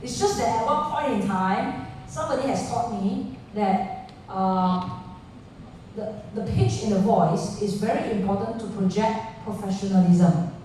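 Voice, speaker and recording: A woman running a pitching workshop, talking live to founders and asking the audience questions, dropping local particles like lah. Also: a little slow, dark tone. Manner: interactive, asks the audience questions. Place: large indoor room with an audience. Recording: echoey room picked up from far off, faint noise.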